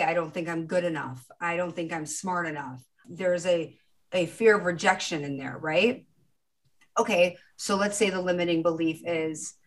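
A woman in her forties hosting a podcast, talking casually and encouragingly about a spiritual approach to life. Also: on the low side. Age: 40s. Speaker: podcast host. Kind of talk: casual spiritual coaching talk.

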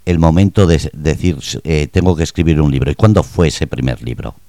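A man's voice: extremely low pitch, lively intonation, brisk, dark tone, dry recording, studio quality. A man hosting a radio interview, asking playful, probing questions. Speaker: radio host.

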